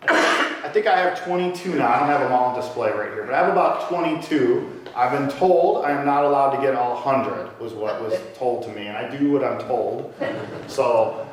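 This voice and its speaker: A man's voice: mid-range voice, normal speed. Guy giving a laid-back talk to a crowd, jokes around, sounds far off in a big echoey room. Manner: casual, joking, chatty with the audience. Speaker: lecturer on local brewing history. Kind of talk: public lecture with audience questions. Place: lecture room with a live audience. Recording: echoey room, voice from off mic, faint hiss.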